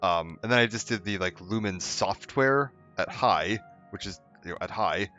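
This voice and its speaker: Rambling streamer man, low dull voice. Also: normal speed, sharp tone, faint music behind. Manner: rambling, chatty, frequent fillers and restarts. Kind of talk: casual let's-play commentary.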